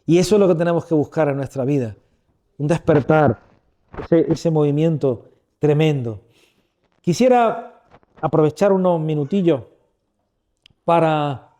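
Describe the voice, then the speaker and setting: With a fairly high pitch and a warm voice, this Andalusian man in his fifties preaches at a church workshop. It's an informal sermon to a live audience, delivered into a handheld or stand microphone, full of chatter, humor and questions aimed at the listeners.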